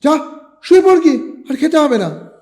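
A fretful, loving village mother fusses over her sick son in a raised, louder voice, as a male reader puts her on. She scolds anxiously, then coaxes tenderly, her voice lifting above the reader's own mellow tone. This is a story read aloud. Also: very high voice, big pitch swings, a little slow, voice pushed up, exaggerated voice. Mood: anxious scolding. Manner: fussing, anxious, then softly coaxing. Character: worried, affectionate village mother.

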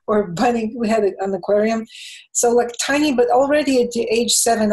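Speaking over a webcam on a video call from a bookshelf-lined room at home, this film and game composer in her fifties has a Bulgarian accent and answers interview questions thoughtfully, using "you know" to fill pauses. Her voice is a little high, and the recording is rough.

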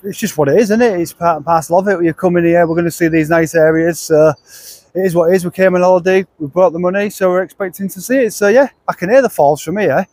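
A man's voice: high voice, fast, a little mellow, dry recording, rough recording. A man narrating a casual travel vlog outdoors. He talks chattily into a handheld camera, rambling with restarts. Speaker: travel vlogger. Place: outdoors at a car park and riverside path.

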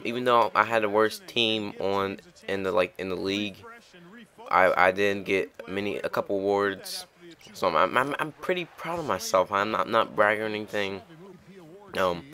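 Young male host, deep and bright, relaxed and rambling. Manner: rambling, chatty, with frequent restarts. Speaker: gaming channel host. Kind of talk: casual gameplay commentary.

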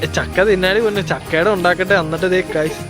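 A woman's voice: lowish voice, steady tone, quick pace, over music. A woman vlogger chatting casually to her viewers during a family outing and while cooking, with a lot of fillers. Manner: chatty, addresses viewers directly, many fillers. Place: outdoors near a temple and jackfruit tree, later a home kitchen.

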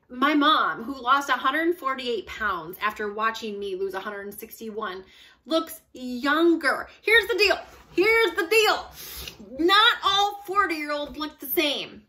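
A woman's voice: high-pitched, expressive, slow pace, pushed and bright. A woman in her forties, a fitness coach talking straight to the camera from a small room at home, chatty and emphatic, laughing often. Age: 40s. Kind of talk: casual direct-to-camera talk.

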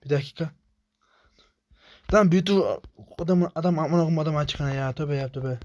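A young man narrates his own gameplay in an excitable, slightly high voice. He mutters quick strings of repeated words to himself as he works. When things slip away he swears and grumbles, then dives straight back in. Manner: rapid muttered repetitions. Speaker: gamer. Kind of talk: gameplay commentary.

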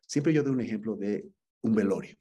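A man's voice: on the low side, fairly quick, mellow, breathy edge. A man teaching an acting class, giving students earnest feedback and often repeating words as he searches for the next one.

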